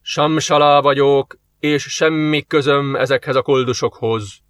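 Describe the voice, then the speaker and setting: A man voicing a proud, haughty bearded merchant with a slow, weighty delivery in an audiobook. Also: mid-range voice, steady tone, clear, resonant tone, no echo, natural voice.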